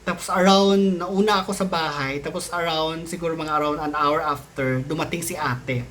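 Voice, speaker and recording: A man's voice: a little high, steady tone, normal speed, fairly bright tone, slight background noise. Chatty man telling a ghost story. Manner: chatty, mixes Tagalog and English, many restarts and fillers. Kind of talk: casual storytelling to camera.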